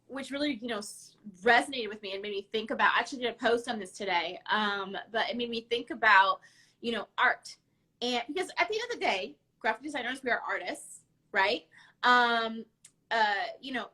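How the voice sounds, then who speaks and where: Bright, high-voiced woman hosting casually. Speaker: podcast host and designer. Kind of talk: casual unscripted live-stream chat.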